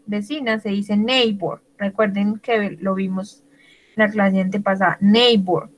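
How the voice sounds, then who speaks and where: A woman teaching an English lesson to Spanish speakers, speaking slowly and deliberately and spelling words out letter by letter. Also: mid-range voice, poor audio. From Latin America. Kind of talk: bilingual online English lesson.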